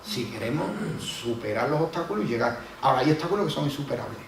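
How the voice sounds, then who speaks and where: Gravelly pastor preaching. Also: male voice, mid-range voice, expressive, quick pace, background noise. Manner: folksy storytelling, acts out quoted voices. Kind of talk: sermon. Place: church hall. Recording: echoey hall from a distant mic.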